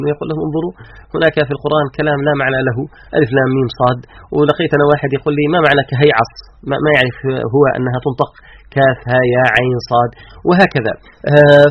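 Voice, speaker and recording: A man explaining the Quran's letters to an interviewer, emphatic, slowing to stress each letter. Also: mid-range voice, breathy edge. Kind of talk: explanatory religious lecture. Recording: dull lo-fi radio sound.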